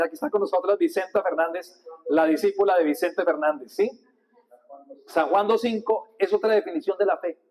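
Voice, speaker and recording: Animated priest drilling his congregation. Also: sits high, rough recording. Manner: animated, coaches the congregation to repeat with hand gestures. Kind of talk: sermon. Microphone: handheld microphone.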